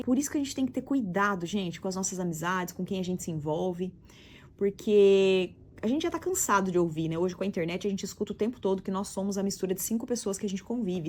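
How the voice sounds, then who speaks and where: A woman's voice: a little high, darkish tone. A woman with a Brazilian Portuguese accent, a vlogger telling a personal story in a candid, emphatic way as she talks straight to her viewers.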